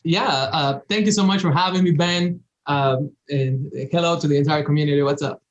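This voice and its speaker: A man's voice: a little high, steady tone, brisk, muffled recording. A young man from the Dominican Republic with a slight Dominican accent, talking earnestly as a guest in an interview. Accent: Dominican Spanish. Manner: earnest, grateful. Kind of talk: remote interview.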